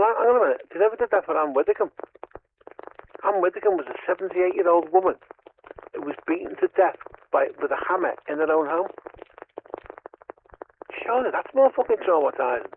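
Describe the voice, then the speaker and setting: A man chatting over a CB radio, ranting and swearing heavily. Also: on the high side. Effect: heard over a CB radio. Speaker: CB radio caller. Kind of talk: casual chat. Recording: tinny CB radio with faint static.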